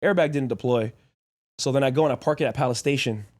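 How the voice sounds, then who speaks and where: A man's voice: mid-range voice, darkish tone. A young man hosting a podcast, telling a story casually in short, blunt, profane bursts. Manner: blunt and profane, rapid anecdotes in short clauses. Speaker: podcast host.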